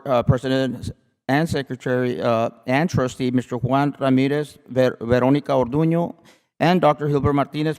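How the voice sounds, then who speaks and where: A man's voice: mid-range voice, darkish tone. Man emceeing in a reverberant hall. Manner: formal, reads names with small stumbles. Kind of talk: reading formal thank-yous and introductions.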